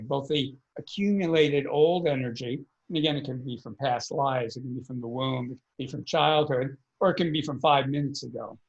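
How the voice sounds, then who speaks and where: A man's voice: on the high side, highs cut off. A man, a podcast guest, earnestly explaining energy work in a conversational interview, often repeating words as he thinks.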